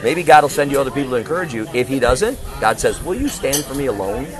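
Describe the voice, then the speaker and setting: A crowd can be heard as a big-voiced man delivers impassioned street preaching and open-air discussion, loud and declamatory, packed with rhetorical questions. He talks fast in a sing-song, medium-pitched voice.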